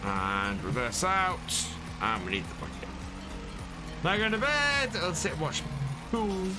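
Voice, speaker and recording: This streamer's high voice has a sing-song lilt as he plays a farming game. Unhurried, he thanks followers and answers questions from his live chat while game music plays.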